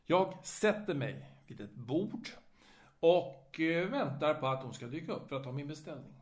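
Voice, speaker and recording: A man narrating a story in a dramatic, lively way. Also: on the high side. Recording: roomy echo.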